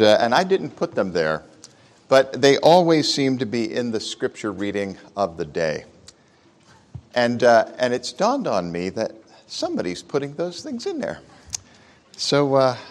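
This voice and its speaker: A man preaching a sermon and leading prayer at a pulpit microphone, speaking in an unhurried, conversational way with frequent fillers. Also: medium pitch, very animated. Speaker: pastor. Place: church sanctuary. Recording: long church reverb.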